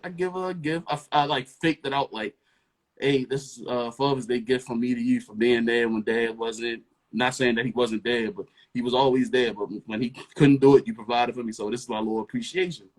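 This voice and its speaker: A young man, a rapper and producer, telling a casual story with animated energy and acting out the voices of the people in it. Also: medium pitch, fairly quick.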